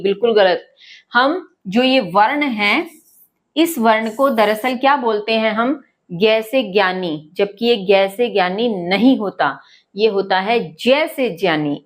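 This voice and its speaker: A woman teaches a Sanskrit lesson to schoolchildren. Her voice sits fairly high. She poses a question, answers it herself, and slows down to stress each syllable. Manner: slow, careful stress on syllables. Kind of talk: explaining a lesson to children.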